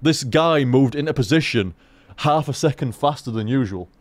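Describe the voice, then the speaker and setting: A man rambling through casual gameplay commentary, swearing freely and talking in an animated way. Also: mid-range voice, normal speed, no room sound. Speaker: gaming commentator.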